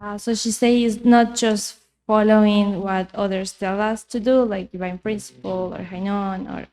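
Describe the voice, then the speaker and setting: A woman's voice: mid-range voice, fairly even intonation, slow pace, mellow. A woman working as a live interpreter, relaying a talk a passage at a time.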